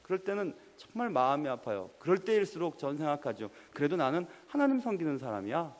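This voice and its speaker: Young man, pastor, sermon, high voice, lively questioning delivery, long hall reverb. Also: fast talker. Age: young adult. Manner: lively, quizzes the congregation and presses them. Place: church sanctuary.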